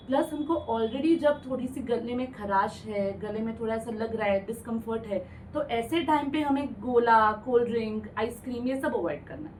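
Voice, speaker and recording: On a radio health interview in a studio, an ENT doctor with a fairly high voice explains things calmly, patiently and plainly, mixing English medical terms into her Hindi. She sounds a bit distant from the mic, with a faint hiss behind her.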